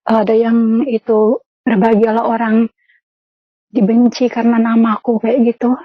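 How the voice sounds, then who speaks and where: A woman's voice: on the high side, monotone, normal speed, no room sound. A young woman telling her personal testimony in casual, earnest speech, often quoting herself and others in dialogue. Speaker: testimony guest. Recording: dull lo-fi sound, dry.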